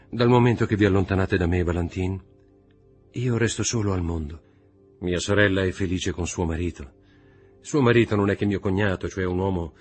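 A husky-voiced man playing an earnest young lover, speaking in a grave, intense way. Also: sits low, darkish tone. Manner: grave, earnest, slightly raised delivery.

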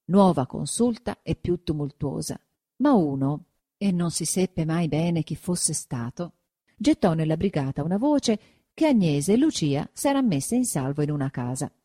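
A woman narrating a classic novel aloud with dramatic expression. Her voice sits on the lower side and swings widely in pitch. Her delivery is steady and storytelling in tone. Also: measured pace, breathy edge. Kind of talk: audiobook reading of a classic novel.

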